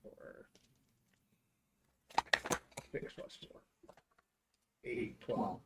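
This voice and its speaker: A man's voice: very slow, very noisy. A man playing a tabletop game, calling out rolls casually. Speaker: player.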